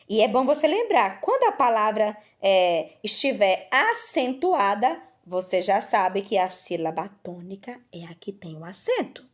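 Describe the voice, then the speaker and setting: High-voiced woman teacher explaining patiently. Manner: patient, explains step by step with questions to students. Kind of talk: recorded remote lesson.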